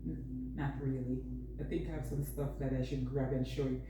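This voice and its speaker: A woman vlogs a home decor haul indoors at home, chatting casually to viewers and rambling to herself while she keeps busy. Her voice is a rumbling low, steady in tone, at a moderate pace. The recording is noisy and very echoey, with the mic placed far away.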